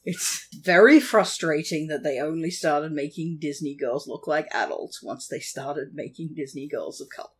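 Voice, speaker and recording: A woman co-hosting a casual film review podcast, animated and sweary, laughing often. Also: low voice, normal speed, few pauses, breathy edge. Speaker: podcast co-host.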